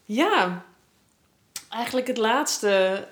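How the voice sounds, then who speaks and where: A young woman, a podcast guest, chatting in a relaxed, easygoing way. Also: fairly high pitch, drawn-out words. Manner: relaxed, laughs often. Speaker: guest, host's partner. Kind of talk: casual chat.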